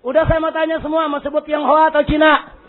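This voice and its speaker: A man preaching a fiery sermon, shouting rhetorical questions at the congregation. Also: very high voice, flat delivery, brisk, some chatter behind. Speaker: Islamic preacher. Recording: tinny lo-fi recording.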